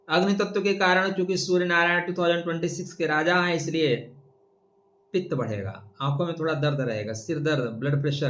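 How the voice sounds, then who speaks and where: A middle-aged man gives an astrologer's yearly forecast in a fairly high voice. He speaks emphatically and breaks into declaimed verse and Sanskrit lines. The room around him is echoey. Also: a bit bright. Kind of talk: yearly horoscope talk.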